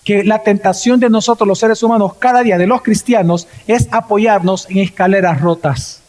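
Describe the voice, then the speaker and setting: A Salvadoran pastor preaches in a fairly high, mellow voice, leaping up and dropping low as he acts out the people in his story. His words ring out with the long reverb of a church hall. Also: normal speed. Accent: Salvadoran Spanish. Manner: storytelling with acted quotes and swings in pitch. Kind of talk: sermon.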